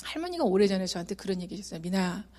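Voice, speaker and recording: A middle-aged woman giving an emotional testimony sermon in a church, earnest and shifting between soft and loud. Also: mid-range voice, animated, brisk. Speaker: guest speaker giving testimony. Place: church sanctuary.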